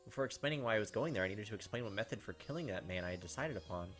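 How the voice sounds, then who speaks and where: A male gaming host narrates a visual novel aloud while playing it, tossing in short comments. He speaks in a rapid-fire, lively way with a lowish, slightly bright voice, and the game's background music is audible.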